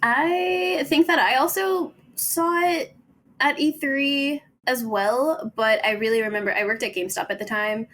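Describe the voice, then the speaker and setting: A woman's voice: high voice, a little slow, a bit bright, a little hiss or hum. A woman chatting casually as a guest on a group podcast. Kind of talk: casual chat.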